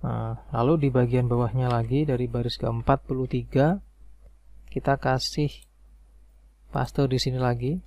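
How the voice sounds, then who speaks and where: Male tutorial narrator, gravelly, dry close mic, mouse clicks behind; calm, step-by-step. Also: medium pitch, moderate pace, pauses often, no echo. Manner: calm step-by-step explaining, fillers like "nah" and "oke". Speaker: spreadsheet tutorial instructor. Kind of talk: screen-recorded software tutorial.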